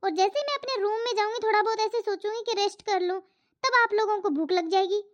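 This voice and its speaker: A woman voicing an overworked housewife and mother in an animated family story, scolding and complaining about her chores. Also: very high voice, fast talker. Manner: complaining, scolding, talks to herself. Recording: muffled lo-fi voice track.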